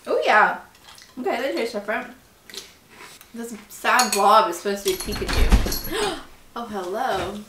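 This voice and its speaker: A woman's voice: on the high side, animated, pushed and bright, echoey room, a little hiss or hum. A woman chatting casually while chewing cereal, easygoing and candid, co-hosting a taste test. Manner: easygoing and candid, quick to laugh. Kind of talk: casual chat.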